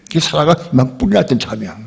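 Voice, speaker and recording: A male pastor preaching a sermon at a church service, telling the story in a lively, conversational and emphatic way. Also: on the high side, racing. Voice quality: husky, gravelly.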